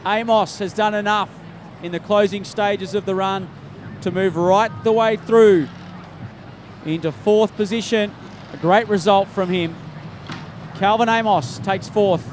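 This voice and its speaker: A man's voice: high-pitched, fairly even intonation, measured pace, a little hiss or hum. A man giving upbeat live commentary at a race finish, calling names and results. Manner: upbeat, calls names and results, says mate often. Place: outdoor race finish area.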